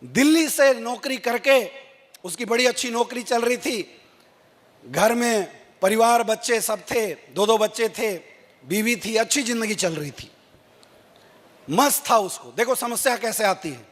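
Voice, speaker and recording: Very high-voiced man telling a stage story. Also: measured pace. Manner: animated storyteller who acts out dialogue. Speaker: motivational speaker. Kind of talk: motivational stage speech with storytelling. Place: large event hall. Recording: long hall reverb.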